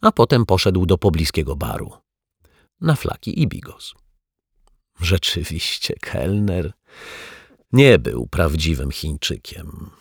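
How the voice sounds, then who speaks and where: A low, gravelly male voice reads a children's story at an unhurried pace, playful and expressive. His pitch swings widely between lines, and the close recording is dry, with no room sound. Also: no echo.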